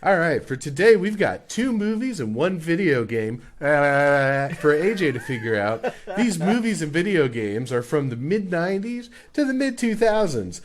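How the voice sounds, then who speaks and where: A man co-hosting an improv comedy show, with crude, mocking, energetic banter. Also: on the high side. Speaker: co-host.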